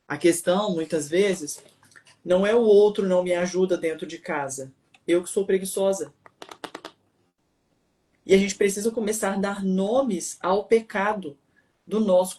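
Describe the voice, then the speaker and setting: This co-host is a married adult woman from Brazil whose lowish voice sounds mellow, carrying a Brazilian Portuguese accent. She preaches emphatically and keeps throwing out rhetorical questions.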